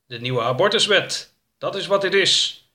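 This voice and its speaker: A man's voice: medium pitch, lively intonation, a little fast, a bit bright. A man voicing a self-assured older male politician in a storybook reading, earnest and self-satisfied. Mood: forceful.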